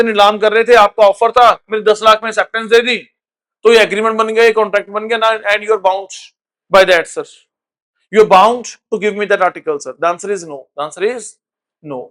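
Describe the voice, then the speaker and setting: A man's voice: high-pitched, a bit bright. A man with an Indian accent teaching a recorded law lecture, switching between Hindi and English, ending phrases with "sir" and asking if students follow. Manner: mixes Hindi and English, tags lines with "sir", asks checking questions.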